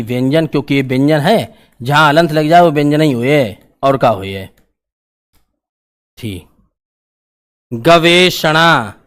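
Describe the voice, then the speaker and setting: A male teacher, giving an exam-prep grammar lesson in a casual, repetitive questioning style. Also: on the high side. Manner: explains in a casual, colloquial style, asks questions and repeats the answers.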